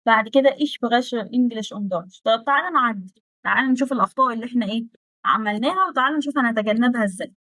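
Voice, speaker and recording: A young woman speaks with an Egyptian Arabic accent, rattling through a casual German lesson at a brisk clip in a slightly high voice. She is direct and chatty, then slows to a crawl to spell out each German phrase. The recording is dry and close, with no room sound. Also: no echo. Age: 20s. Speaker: German teacher.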